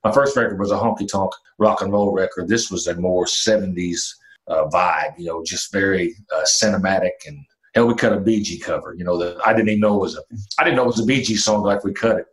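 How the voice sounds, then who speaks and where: A man of fifty talks about his music career in a casual interview. His voice sits very low. He rambles easily, with plenty of "uh" and "you know" and the odd mild curse. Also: fast, poor audio. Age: 50s. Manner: relaxed storytelling with fillers and mild cursing. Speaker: country singer-songwriter.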